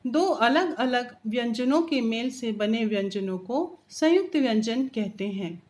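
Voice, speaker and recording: Slow, careful Hindi teacher woman. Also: fairly high pitch, lively intonation, darkish tone. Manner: slow, careful teacher's delivery, drawing out example sounds. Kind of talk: recorded grammar lesson for children.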